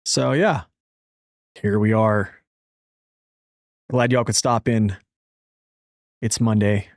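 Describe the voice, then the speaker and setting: A man's voice: lowish voice, steady tone, slow pace, no echo, clean studio sound. A man chatting casually on a gaming livestream, laid-back, his speech slightly slurred from a mouth numbed at the dentist. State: numb-mouthed after dental work, slightly slurred. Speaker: video game live streamer.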